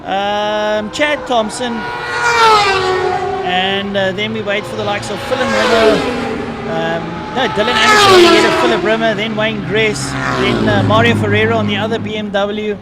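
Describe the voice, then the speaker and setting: High-voiced male motorsport commentator over loud noise. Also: steady tone, a little slow. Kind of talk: live motorsport race commentary. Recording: loud engine and outdoor track noise. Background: motorcycles and vehicle noise.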